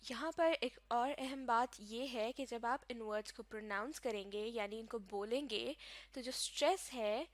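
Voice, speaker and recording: A woman's voice: fairly high pitch, normal speed, no echo. A woman teaching English grammar in a recorded lecture, explaining patiently step by step and spelling words out letter by letter. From Pakistan.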